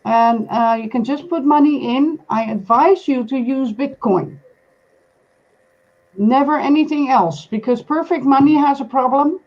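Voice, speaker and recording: High-voiced woman hosting a live stream. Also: unhurried, lo-fi sound. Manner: guiding, asks questions, gives advice to viewers. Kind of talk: casual live-stream chat.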